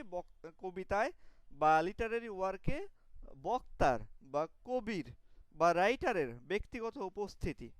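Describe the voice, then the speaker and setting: High-voiced male literature lecturer. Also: clear, resonant tone, no room sound, low-quality recording. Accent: Bangladeshi Bengali. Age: young adult. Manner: explanatory, with frequent fillers and self-corrections.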